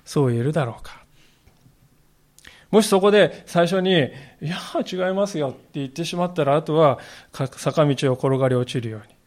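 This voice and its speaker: A man's voice: on the high side, brisk, darkish tone. A male pastor giving a sermon in a conversational storytelling way, acting out the quoted lines.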